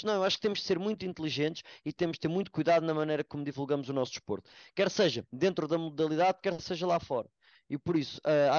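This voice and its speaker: Fast-talking Portuguese man, slightly dull audio. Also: fairly high pitch, a little mellow, no echo. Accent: European Portuguese. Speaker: American football player, podcast guest. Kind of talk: casual podcast discussion.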